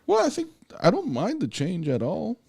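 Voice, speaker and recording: A man's voice: sits high, wildly swooping pitch, normal speed, gravelly, a little mellow, breathy edge. A man co-hosting a casual movie review podcast, who talks bluntly and swears freely. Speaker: podcast co-host.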